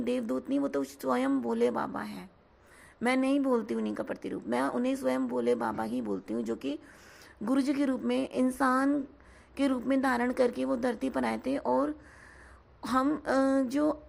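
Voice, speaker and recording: Hoarse, gravelly high-voiced woman. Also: darkish tone. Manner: earnest, keeps addressing listeners as sangat ji. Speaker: devotee sharing a satsang. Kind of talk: devotional testimony talk.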